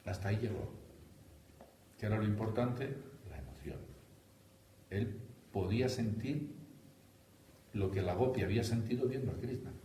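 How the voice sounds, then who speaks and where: Low-voiced Spanish man teaching in an echoey room. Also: moderate pace, pauses often, distant mic, slight background noise. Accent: Spanish from Spain. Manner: animated, teasing, laughs at own jokes. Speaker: spiritual teacher. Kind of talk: devotional talk to a group.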